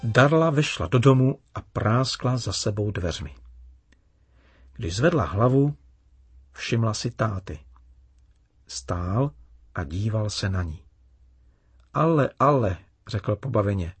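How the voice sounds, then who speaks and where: Husky male storyteller. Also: fairly low pitch, pauses often, no room sound. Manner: calm, even storytelling. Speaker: narrator.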